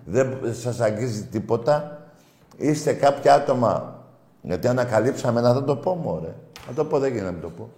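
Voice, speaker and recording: A man hosting a call-in show, telling stories excitedly and teasing his callers. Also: mid-range voice, roomy sound. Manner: mocking, excitable storyteller who teases callers. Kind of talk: casual joking radio chat.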